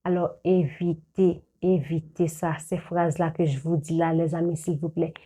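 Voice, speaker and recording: A woman's voice: sits low, level tone, moderate pace, warm tone, breathy edge. A young adult woman giving earnest, lecturing advice straight to her viewers, often repeating words and restarting. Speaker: video creator giving life advice. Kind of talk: direct-to-camera advice talk.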